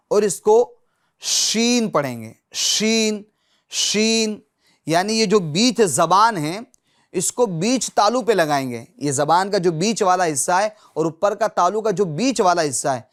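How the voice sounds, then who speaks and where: A man teaching Quran recitation who says each letter sound slowly and loudly, again and again, and stops often to check that his students are following. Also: high-pitched. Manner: patient, checks in often with short confirmations. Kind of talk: Urdu lesson on pronouncing Arabic letters.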